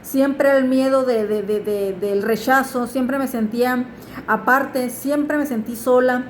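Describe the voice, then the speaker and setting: A woman's voice: high-pitched, fairly even intonation, slow, slight background noise. A woman, giving an earnest personal religious testimony and urging listeners to turn to God. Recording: echoey room.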